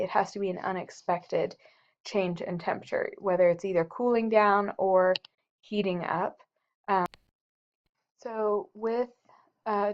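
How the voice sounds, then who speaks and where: A woman's voice: medium pitch, highs cut off. A woman chemistry teacher giving a recorded lecture, explaining steadily with frequent ums and uhs. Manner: slow and explanatory, frequent um and uh fillers.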